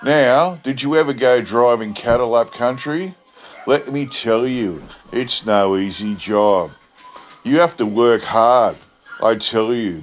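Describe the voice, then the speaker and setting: A man voicing a laconic bush drover who spins a tall tale in a deadpan, grave outback drawl. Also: medium pitch, close to an everyday voice. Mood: grave, boastful. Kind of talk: dramatic bush yarn storytelling.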